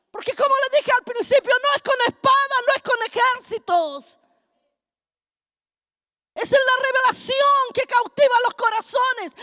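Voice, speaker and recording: A middle-aged woman, preaching a fervent sermon that builds to shouting. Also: very high-pitched. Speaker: apostle preaching at a congress.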